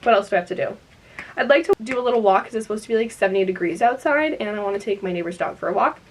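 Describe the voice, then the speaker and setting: A woman's voice: mid-range voice, racing. Chatty young woman vlogging her day. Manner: chatty, says "like" a lot. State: out of breath. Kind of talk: casual vlog chat.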